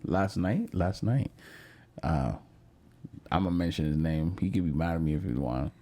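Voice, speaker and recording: A young man with a husky, somewhat low voice, chatting animatedly and swearing freely as a podcast host. He laughs often and swings his pitch widely while he tells stories. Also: expressive, moderate pace, dark tone. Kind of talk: casual chat.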